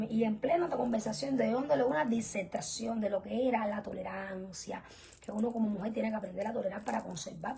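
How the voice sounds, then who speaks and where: A young woman teaching an online religious class, earnest and emphatic, often dropping to soft whispered asides. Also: on the high side, vocal fry, a little hiss or hum. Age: young adult. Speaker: spiritual teacher.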